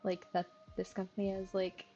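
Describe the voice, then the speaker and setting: A woman's voice: medium pitch, monotone, normal speed, mellow, dull audio, faint music behind. A woman streaming a visual novel, chatting casually and giggling, with lots of fillers.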